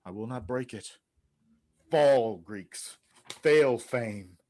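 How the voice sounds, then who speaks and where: A proud warrior champion, acted by a man with menace in every phrase. He declaims in theatrical Shakespearean style at a middling male pitch. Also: drawn-out words, darkish tone. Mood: resolved. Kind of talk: theatrical Shakespearean stage acting.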